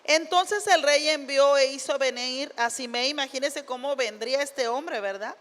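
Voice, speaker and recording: Woman pastor, high voice, unhurried sermon in a reverberant church hall. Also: fairly bright tone. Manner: retells scripture in plain words, with frequent tag questions.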